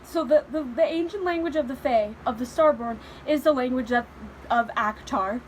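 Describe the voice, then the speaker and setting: A woman's voice: sits high, normal speed, a little hiss or hum, rough recording. A young woman reacting to a book on her vlog, emotional and close to crying, swearing and stumbling over her words. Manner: excited, swearing, stumbling, near tears. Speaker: book vlogger.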